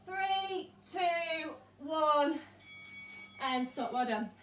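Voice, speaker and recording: A woman's voice: high voice, animated, very slow, fairly bright tone, far from the mic, soft background music. Breathless woman coaching a workout. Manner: encouraging, counting down. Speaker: fitness coach. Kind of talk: workout instruction. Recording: roomy sound from away from the mic.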